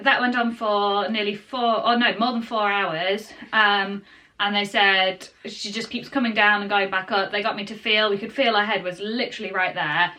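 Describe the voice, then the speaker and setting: A parenting vlogger, a young woman with a medium-pitched voice, tells her birth story to camera at home. She's chatty and casual, full of fillers, and makes soft asides to the baby in her arms.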